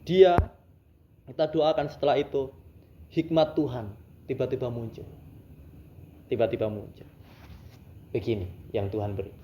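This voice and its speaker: A man's voice: medium pitch, steady tone, a little slow, pauses often, slight background noise. A male pastor telling a story in a conversational sermon and asking his listeners rhetorical questions. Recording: roomy, dull sound.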